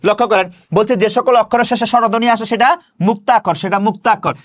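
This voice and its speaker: A man teaching grammar, asking questions and answering them himself and slowly stretching out example words. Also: high voice, fairly even intonation. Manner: stretches words slowly when demonstrating pronunciation. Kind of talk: classroom-style grammar lesson.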